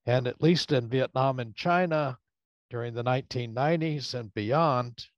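A man's voice: medium pitch, moderate pace, dry recording. A professor asking a question at an online talk, speaking hesitantly with many fillers while his voice breaks up over a bad connection. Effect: voice breaking up over a bad internet connection. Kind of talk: conversational question from the audience. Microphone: video call. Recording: dull, lo-fi, dry video call audio.

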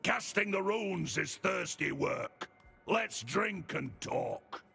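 An actor playing a gruff, proud and stubborn male dwarf lord in game voice lines, with a gravelly voice. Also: high voice, very animated, takes it slowly, full character voice. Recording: game audio with loud music.

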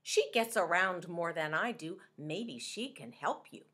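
A woman's voice: on the low side, animated, unhurried, a bit bright, heavily acted. A woman voicing a prickly pufferfish who grumbles, then turns chatty and exclaiming. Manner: gruff, then gossipy and exclaiming.

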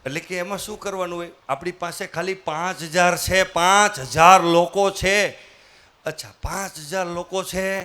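Guy telling a story on stage, high voice, gets the crowd to shout answers. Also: moderate pace. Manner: lively folksy storytelling, acting out characters and prompting the audience to answer. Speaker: motivational speaker. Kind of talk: live motivational storytelling.

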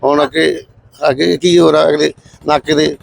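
A man's voice: a little high, little pitch movement, normal speed, vocal fry, slight background noise. A man, a police officer on duty at a checkpoint, answering a reporter's questions respectfully and calling him sir. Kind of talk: on-the-spot interview answers.

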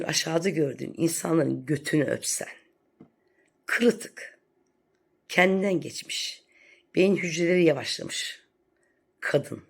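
A woman's voice: low-pitched, creaky, breathy edge. A woman vlogger delivering a sarcastic, scolding rant in a commentary vlog.

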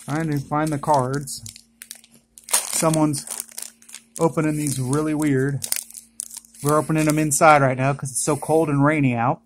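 Chatty vlogger doing casual unboxing commentary indoors; mid-range pitch, excited outbursts. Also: a little slow, pauses often, slight background noise. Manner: chatty, excited exclamations at each pull. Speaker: card-opening vlogger. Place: indoors at home.

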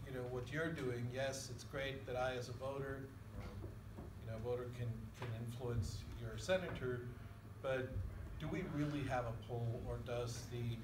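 A man from Iceland, speaking from the audience, tells an earnest story with lots of fillers before asking his question. His voice rings in a very echoey room, heard from far off. Chatter noise is clear beneath him. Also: medium pitch. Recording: echoey, distant, noisy room.

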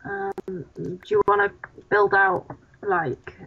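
Giggling and poking fun at herself, a young let's play host rambles through casual chat during a co-op game. She talks slowly in a mid-range, creaky voice with big pitch swings. The dull lo-fi mic carries a little hiss or hum.

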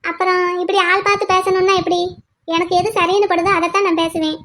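A woman's voice: extremely high pitch, level tone, quick pace, fairly bright tone. A woman voicing a bold, outspoken young woman law student in a cartoon, arguing firmly point by point. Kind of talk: cartoon voice acting.

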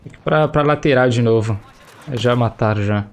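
Faint explosions and gunfire from the game sit under the headset commentary of a young man with a Brazilian Portuguese accent who streams his gameplay. Recovering from a cold that slightly affects his voice, he speaks at medium pitch and a moderate pace, slangy and chatty, exclaiming at what happens, with a little hiss or hum.

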